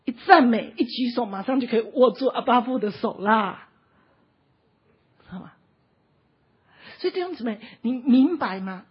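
Very husky high-voiced woman preacher. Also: expressive, moderate pace, pauses often. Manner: impassioned, often near tears, frequent "ha" tag particles. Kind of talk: emotional sermon storytelling. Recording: dull lo-fi recording.

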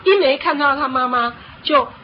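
Woman preacher, fairly high voice, animated storytelling sermon; dull lo-fi recording with faint hiss. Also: moderate pace. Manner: animated storytelling with frequent filler "hao".

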